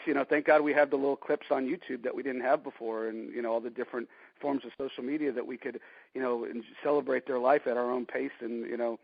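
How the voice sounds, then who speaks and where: Fast-talking man in his forties, rambling. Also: medium pitch, creaky, slightly rough, no echo. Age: 40s. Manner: rambling storyteller, many "you know" fillers. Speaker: interview guest. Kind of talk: casual phone interview. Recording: dry, dull lo-fi line.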